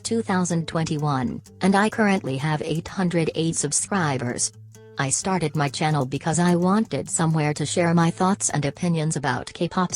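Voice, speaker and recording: A synthetic woman's voice reading out a written answer in an even machine delivery. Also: sits low. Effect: text-to-speech voice.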